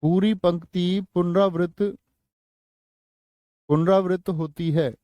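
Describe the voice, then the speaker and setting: A male Hindi teacher with a North Indian accent, teaching an online exam-prep class. He repeats each phrase slowly for students to note down and slips into casual asides to them. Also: sits high, fairly even intonation, warm tone, dry recording, highs cut off. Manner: slow, repeats phrases for dictation.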